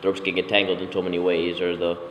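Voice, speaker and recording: A young man, a circus performer, talking casually in an interview, relaxed and swearing offhandedly. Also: sits low, quick pace. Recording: echoey hall, background noise.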